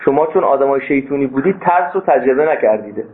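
A man teaching a philosophy class as a seminary lecturer, stressing key points with sudden leaps in pitch. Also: lively intonation. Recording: tinny phone-like sound.

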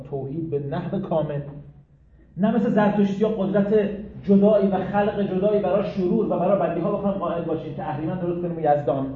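A man, a cleric, giving an interactive religious lecture to students, telling jokes and stories in an animated way, in a distant, echoey, phone-like recording. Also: fairly high pitch, slight background noise. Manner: animated, joking storyteller. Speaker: cleric teaching a religious class.

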